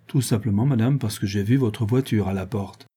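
A man's voice: on the low side, moderate pace, mellow, breathy edge. A man playing a stout, teasing society gossip. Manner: teasing, talkative.

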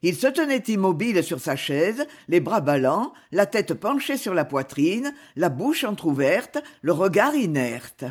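A woman narrating an old novel, reading slowly and deliberately. Her pitch moves a lot, giving the narration a lively, expressive lilt. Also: slightly rough. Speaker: audiobook reader.

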